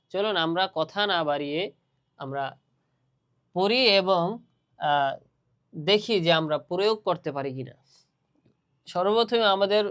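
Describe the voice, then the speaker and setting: Guy teaching quran letters online, smooth clear voice, slow patient drilling. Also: high-pitched. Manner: slow, patient drilling with repeated letter sounds, louder on the examples. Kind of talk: online class lesson.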